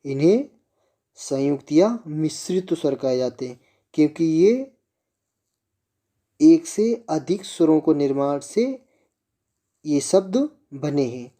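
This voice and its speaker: A man's voice: fairly high pitch, takes it slowly, long pauses, dark tone. A man teaching a grammar lesson, asking the class questions and answering them himself at a patient pace.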